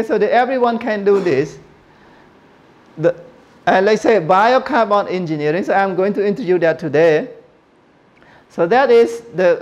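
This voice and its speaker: A middle-aged man from Cambodia lectures a room into a handheld mic, his voice sitting fairly high for a man. He talks loosely, restarting phrases, correcting numbers mid-sentence and asking the audience questions. The recording is a little dull and lo-fi. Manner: informal, repeats and corrects himself, asks audience questions. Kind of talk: classroom lecture. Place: lecture room with projector screen.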